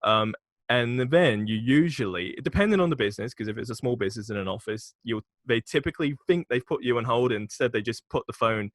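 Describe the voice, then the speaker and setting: A man's voice: mid-range voice, expressive, fairly quick, no echo. A man, a podcast guest talking frankly and casually about his marketing work, laughing and swearing now and then. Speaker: podcast guest, agency founder.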